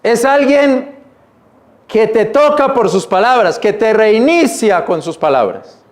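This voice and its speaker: A man preaching a sermon in church, reading scripture slowly and explaining it in plain, repetitive words. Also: high voice, expressive. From Colombia. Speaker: pastor.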